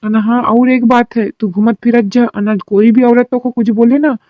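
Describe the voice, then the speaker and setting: A woman's voice: fairly high pitch, steady tone, moderate pace, dry recording, muffled recording, lightly acted. A woman voicing a worried rural mother-in-law in a cartoon drama, talking in a homely village dialect. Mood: indignant.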